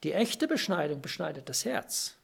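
A preacher giving an earnest sermon, stressing key phrases through repetition and pausing now and then to search for words. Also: mid-range voice, big pitch swings, vocal fry, slightly rough. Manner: pauses to search for words with fillers. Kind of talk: sermon on a Bible passage.

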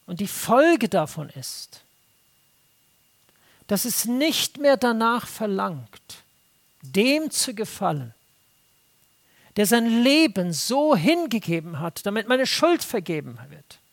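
A preacher delivers an earnest, exhorting sermon, climbing into raised, emphatic stretches and dropping into hushed, low, intense passages. He repeats phrases for weight, speaks slowly with big pitch swings, and pauses often.

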